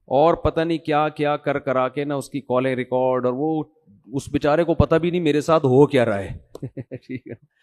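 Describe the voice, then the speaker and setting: A man's voice: mid-range voice, a little mellow. A middle-aged man, preaching in a chatty storytelling way and mimicking the people he quotes. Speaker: religious preacher. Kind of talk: sermon.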